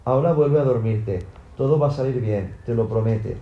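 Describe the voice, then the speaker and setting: A man voicing a protective mother who argues in a sharp, insistent voice, in a roomy-sounding recording. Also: mid-range voice, moderate pace, highs cut off, lightly acted. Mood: soothing. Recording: roomy echo.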